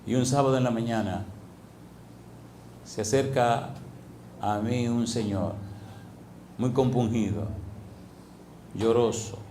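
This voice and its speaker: A man's voice: mid-range voice, takes it slowly, pauses often, mellow, slight background noise. A man preaching a sermon as pastor, asking the congregation questions and answering them himself. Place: church hall. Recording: echoey church hall.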